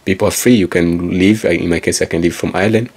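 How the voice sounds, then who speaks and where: An author and speaker whose first language is Kikongo gives a meandering motivational monologue in English, calling out to listeners like a presenter and repeatedly circling back to the same phrases. His very low voice is full of vocal fry, husky and rough-grained, with a steady, darkish tone and a quick pace.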